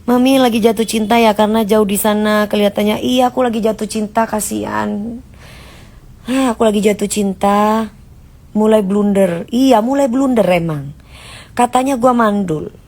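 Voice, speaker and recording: A woman's voice: mid-range voice, steady tone, normal speed, darkish tone. A woman ranting casually on a live stream, answering viewers' comments in a blunt, mocking way. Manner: blunt and mocking, in Jakarta slang.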